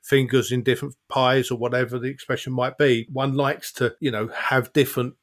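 A man hosts an interview podcast. His voice sits at a medium pitch. He talks in a chatty, slightly wordy and self-effacing way. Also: little pitch movement, fairly quick. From South Essex, England. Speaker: podcast host.

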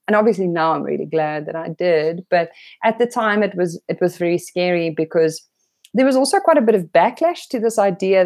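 Female interview guest, broad Afrikaans South African accent, Afrikaans first language, slightly low register, reflective and candid with measured, emphatic phrasing. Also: darkish tone. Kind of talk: reflective conversational interview storytelling.

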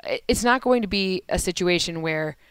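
Smooth-voiced woman breaking down football stats. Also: on the low side, lively intonation, no echo. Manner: rapid stat-heavy analysis, laughs easily, self-corrects. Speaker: sports podcast co-host and analyst. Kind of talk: casual sports analysis chat.

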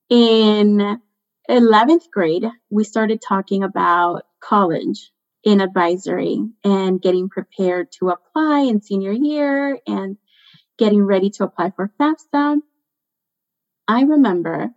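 A young woman from Guatemala, a budget coach, telling her story as a guest on a podcast interview, earnest and reflective. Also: medium pitch. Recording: muffled lo-fi sound.

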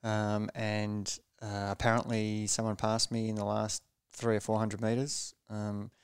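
A man, a former racing cyclist, telling a story as a podcast guest in a measured, low-key way and often restarting his phrases. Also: monotone, clear, resonant tone, no room sound. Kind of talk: reflective storytelling in a podcast interview.

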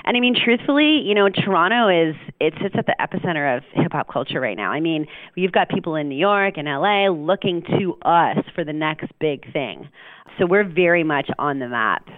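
A woman's voice: low-pitched, animated, normal speed, no echo. A woman who directs programming at a radio station, answering interview questions in a chatty, enthusiastic way with many fillers. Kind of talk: interview guest. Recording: dry, tinny phone line.

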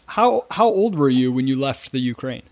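A man hosts an interview podcast, introducing his guest and asking questions in a chatty way full of fillers and restarts. His medium-pitched voice swings widely, moves at normal speed, and has vocal fry. There's no room sound.

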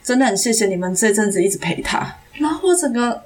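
A young Taiwanese woman, an actress guest on a podcast, telling a story in a casual, animated way and acting out the dialogue. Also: fairly high pitch, fast talker, breathy edge. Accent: Taiwanese Mandarin. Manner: animated, acts out quoted dialogue.

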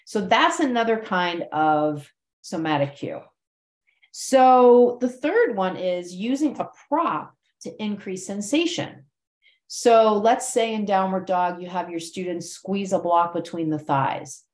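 A woman's voice: mid-range voice, reverberant. A woman who hosts a podcast and trains yoga teachers, explaining cues in a conversational way and acting out her sample cues with shifting inflection. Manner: conversational, uses vocal inflection to demonstrate cues. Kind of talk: teaching talk.

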